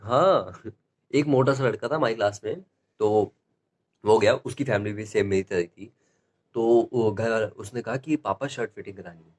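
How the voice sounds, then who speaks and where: A teenage male stand-up comedian telling rambling school stories in an animated, laughing way. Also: fairly low pitch, moderate pace. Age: teens.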